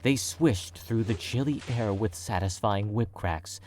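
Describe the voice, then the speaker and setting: The story is read by a man whose voice is very deep and low. He stays calm and measured, his tone even and controlled throughout, and there's a slight hiss or hum in the background.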